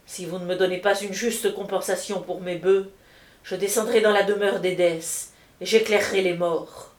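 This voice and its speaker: A woman's voice: medium pitch, fairly even intonation, moderate pace, a little mellow, close to an everyday voice. A woman reading the lines of the male sun god Helios in a storybook, declaiming solemnly. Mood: indignant. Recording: roomy echo.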